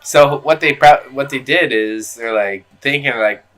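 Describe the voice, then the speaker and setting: A man's voice: medium pitch, measured pace, fairly bright tone. A man co-hosting a casual movie podcast who rambles and swears freely. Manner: crude, rambling, profane. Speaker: podcast co-host. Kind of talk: casual chat over a movie.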